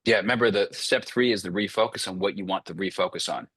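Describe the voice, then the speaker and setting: A man's voice: deep voice, fast talker, fairly bright tone, husky, no room sound. A man coaching sales closers on a group video call, blunt and profane, firing off short commands.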